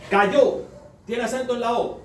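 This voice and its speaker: Male preacher, high voice, teaching sermon with rhetorical questions; distant mic, echoey room, faint noise. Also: lively intonation, normal speed, a little mellow. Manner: explains step by step, asks rhetorical questions. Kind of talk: sermon, Bible study teaching.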